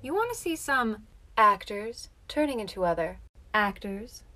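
A woman's voice: medium pitch, big pitch swings, measured pace, sharp tone, dry recording. A woman explaining how she moves from one actor's voice to another. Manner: describes each vocal change as she makes it. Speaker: voice impressionist. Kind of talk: explaining voice impressions.

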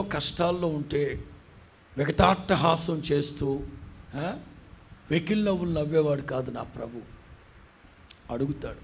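Dramatic Indian pastor preaching. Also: male voice, fairly high pitch, slight background noise. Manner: dramatic preaching, acting out the voices of the people in the story. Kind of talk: sermon. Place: church.

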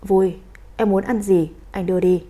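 A woman voicing a cold, commanding male crime boss in a storybook reading, speaking in a calm, clipped, firm way. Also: medium pitch, moderate pace, close to an everyday voice. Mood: gentle.

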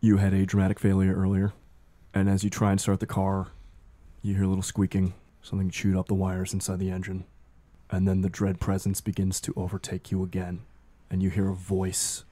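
A man narrating a tabletop role-playing game as game master, with deliberate, dramatic phrasing. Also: low-pitched, completely flat delivery, dark tone, no room sound.

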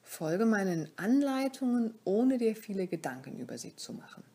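A woman guides a yoga nidra meditation in a mid-range voice, calm and soothing. She speaks in short phrases separated by pauses, her tone soft, breathy and often near a whisper.

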